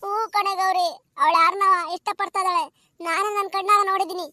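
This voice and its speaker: A woman voicing a scolding, gossiping village grandmother in a cartoon, talking in a fast, nagging, dramatic way. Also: very high voice, fairly even intonation, pushed and bright, no room sound, studio quality. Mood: scandalized.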